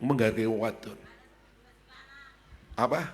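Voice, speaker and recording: A man with a Brebes Javanese accent giving a humorous sermon, telling stories and acting out dialogue with shouts and laughs. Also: medium pitch, slow. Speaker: preacher. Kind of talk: humorous sermon at a family gathering. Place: large hall at a family gathering. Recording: long hall reverb.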